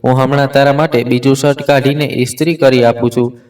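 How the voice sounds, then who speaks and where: A man's voice: mid-range voice, flat delivery, a little fast, darkish tone, recorded from a distance, natural voice. A man voicing a sneering older mother-in-law. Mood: scornful. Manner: sneering, belittling talk.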